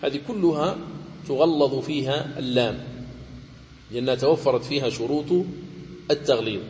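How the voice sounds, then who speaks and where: A man teaching the rules of Quran recitation, explaining each rule step by step and chanting the example words slowly. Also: medium pitch, a little mellow, long reverb tail, slight background noise. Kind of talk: tajweed lesson with chanted examples.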